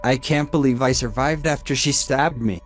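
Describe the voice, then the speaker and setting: A man voicing a shaken detective father confessing gently to his young son. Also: medium pitch, moderate pace, faint music behind, close to an everyday voice. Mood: remorseful.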